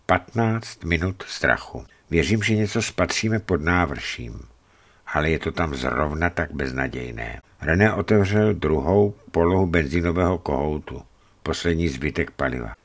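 Deep-voiced man reading a tense memoir. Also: fairly bright tone. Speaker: narrator of his own desert journey. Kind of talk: dramatic audiobook reading of a travel memoir.

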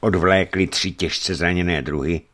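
A man reading a story aloud as an audiobook narrator, in an expressive storytelling manner. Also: deep voice. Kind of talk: scripted narration.

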